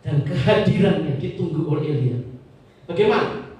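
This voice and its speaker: A male pastor preaching a sermon, telling the story dramatically with sudden shouts and hushed asides. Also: on the high side, expressive, measured pace. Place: church. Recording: very echoey church hall, far from mic.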